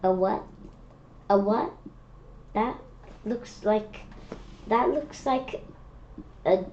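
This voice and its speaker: Reading a picture book aloud to children, this woman goes slowly and haltingly, stopping for curious asides and questions. Her medium-pitched voice has a darkish tone and sounds slightly muffled in a dull, lo-fi recording with a trace of noise.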